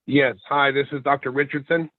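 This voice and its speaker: A man calling into a virtual meeting, heard through a phone line, talking in a flat, even way. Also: mid-range voice, brisk. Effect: voice heard over a phone call.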